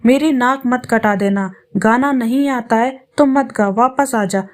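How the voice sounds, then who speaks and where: A woman voicing a sharp-tongued older mother-in-law who scolds and snaps at people. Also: a little high, a little slow, close to an everyday voice. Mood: scolding. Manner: scolding, fierce.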